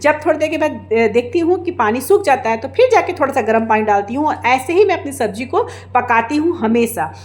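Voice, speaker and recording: Loud woman from india doing a vlog voiceover, high voice, sounds kinda like scolding, no mic. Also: lively intonation, fairly quick, few pauses. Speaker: vlogger and housewife. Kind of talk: voice-over vlog narration. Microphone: no external mic for voice-over.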